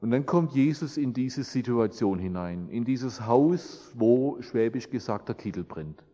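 A man's voice: mid-range voice, expressive, a little slow, warm tone. A man preaching a sermon and praying, in an earnest, repetitive preaching cadence. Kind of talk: sermon with prayer. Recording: long reverb, dull lo-fi sound.

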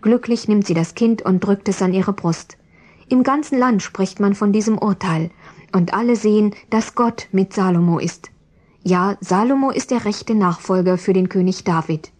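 A woman's voice: mid-range voice, moderate pace, a little mellow. Woman narrator for a Bible story, devout storytelling, mid-range voice.

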